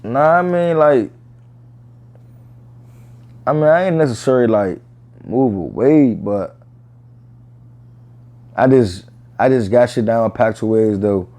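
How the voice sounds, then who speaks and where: A man's voice: medium pitch, animated, slow pace, pauses often, darkish tone. A man speaking candidly in an interview about his own life, in casual, profane street slang peppered with "bro" and "you know what I'm saying". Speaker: interview guest.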